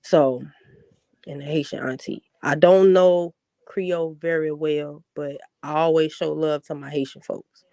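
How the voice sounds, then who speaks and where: A woman's voice: sits low, steady tone, unhurried, warm tone, no room sound. A woman with a Chicago accent tinged with the South, chatting as a guest, laughing often and repeating words as she starts. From born in Florida, raised in Chicago. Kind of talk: casual chat.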